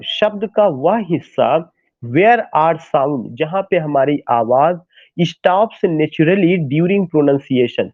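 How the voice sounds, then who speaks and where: A man's voice: a little high, no echo. A man teaching poetic metre as a lecturer, asking questions and answering them himself, with English terms mixed into his talk. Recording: dry, tinny phone-line sound.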